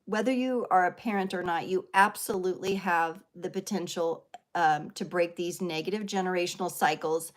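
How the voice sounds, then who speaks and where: A woman's voice: fairly low pitch, moderate pace, few pauses. Earnest woman tarot reader talking live. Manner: earnest, emotional, rambling with fillers and "right?". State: teary, sniffling. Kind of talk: live stream spiritual talk.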